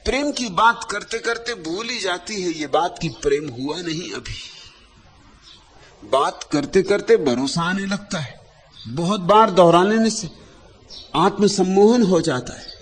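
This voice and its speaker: A man speaks as a teacher giving a spiritual discourse, using short, lyrical phrases with long pauses and repeating lines for emphasis. His voice is high and expressive, with slight background noise.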